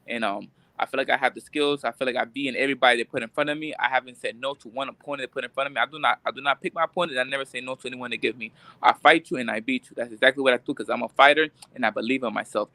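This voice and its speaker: A man's voice: mid-range voice, very fast, hardly any pauses, sharp tone, no room sound. A man from Puerto Rico, a boxer, talking confidently and insistently in an interview, often repeating himself. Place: remote live stream.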